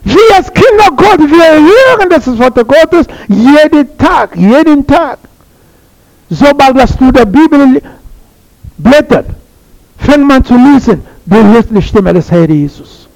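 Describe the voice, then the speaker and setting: A man's voice: very high voice, lively intonation, slow, darkish tone, poor audio. A man preaching a sermon to a congregation, repeating his phrases and putting questions to his listeners.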